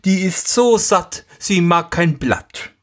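Eager young lad in a fairy tale, narrator putting him on, pitched up high, chirpy. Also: lively intonation, slow pace, fairly bright tone. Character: young son, eager to please.

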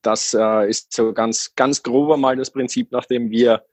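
A man in his thirties tells his story as a podcast guest, circling back with fillers and restarts. His voice is a bit husky, recorded dry and close with no room sound. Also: mid-range voice, steady tone, a little slow, darkish tone, no room sound. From Austria. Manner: rambling, many fillers and restarts. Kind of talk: casual podcast interview.

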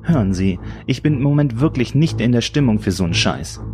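A man's voice: mid-range voice, animated, a little fast, darkish tone, faint music behind, voice pushed up, lightly acted. A man reading an audiobook who voices a shaken young woman giving terse, tense replies. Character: shaken young woman, sharp-tongued under stress. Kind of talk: audiobook character voice.

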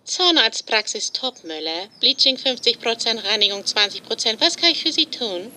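A woman plays a routine dental receptionist on a telephone in a children's audio play. Her tone is very bright and fairly high, with faint noise behind it. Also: expressive, moderate pace. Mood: businesslike. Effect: telephone call.

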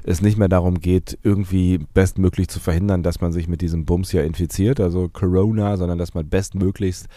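A man hosting a podcast in casual chat, congested from a cold with a blocked nose and sore throat, talking haltingly with stammered restarts. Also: sits low, fairly even intonation, mellow, no room sound. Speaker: podcast host.

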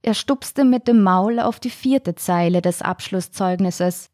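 A woman hosting a short-story podcast, reading a children's tale aloud in a calm, measured way. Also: medium pitch, no echo, studio quality. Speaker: podcast host and story reader. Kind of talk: scripted storybook narration.

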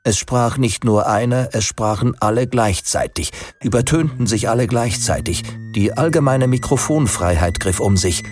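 A man's voice: normal speed, music in the background. A man reading a literary story aloud, lifting his voice for the quoted lines. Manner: lively, raises pitch for quoted speech. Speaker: narrator.

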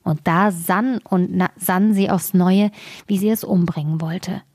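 Calm woman reading a fairy tale. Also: fairly low pitch, unhurried, no echo, studio quality. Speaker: storyteller.

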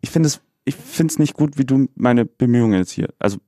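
Deadpan young man, lots of fillers. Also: mid-range voice, a little fast, dry recording, studio quality.

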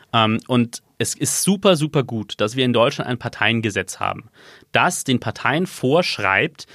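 Man, podcast guest, animated, rambling explainer, medium pitch, dry close mic. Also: no echo. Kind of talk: casual explanatory conversation.

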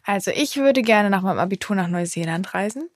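A teenage girl co-hosts a casual podcast, talking back cheekily and giggling now and then. Her voice is at a typical pitch for a woman. The recording is dry and close, with no room sound. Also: animated, a little fast, dry recording. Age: teens. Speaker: podcast co-host. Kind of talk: casual chat.

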